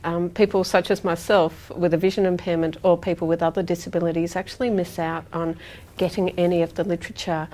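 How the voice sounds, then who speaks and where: Woman, lowish mellow voice, deliberate advocate. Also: little pitch movement. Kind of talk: advocacy statement.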